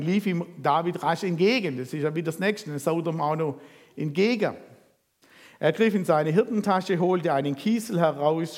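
Male preacher, slightly high voice, lively storytelling sermon, long hall reverb. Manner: lively storytelling, asks the congregation questions. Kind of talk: sermon reading and retelling scripture.

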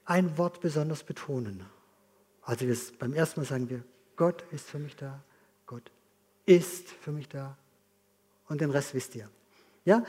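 With a husky, fairly high-pitched voice, a pastor preaches earnestly and plainly to his congregation. He leads them in a spoken exercise and later eases into a quiet, hushed prayer.

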